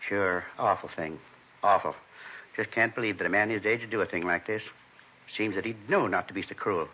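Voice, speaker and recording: In a 1950s radio drama, an actor with an American accent plays a shaken, indignant fifty-two-year-old husband who has been robbed. His voice sits on the low side with a breathy edge, and his speech is halting, earnest and plain, repeating itself. The old recording is muffled and noisy.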